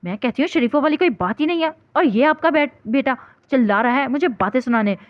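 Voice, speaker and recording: A woman voicing a sharp-tongued middle-aged aunt who scolds and taunts in an audiobook story. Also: sits high, expressive, no room sound, dull audio, pitched above the performer's own voice. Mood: scolding.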